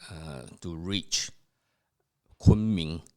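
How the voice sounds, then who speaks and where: A warm, very low and deep voice belongs to an older Singaporean man, the host's father, reminiscing about his family on a podcast. He speaks at a slow, unhurried pace. The telling halts often with pauses, restarts and plenty of "uh."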